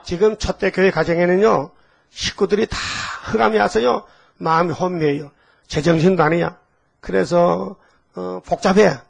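A man's voice: high voice, fairly even intonation, moderate pace, gravelly, slightly rough. An older pastor, preaching in a folksy storytelling way, quizzing his congregation and leading them in repeated readings. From Gyeongsang province, Korea. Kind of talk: sermon.

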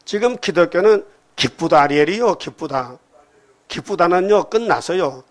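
Older male pastor, lively preaching style with rhetorical questions, somewhat high voice, church setting. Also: moderate pace. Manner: animated, peppered with rhetorical questions to the congregation. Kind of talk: sermon. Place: church sanctuary.

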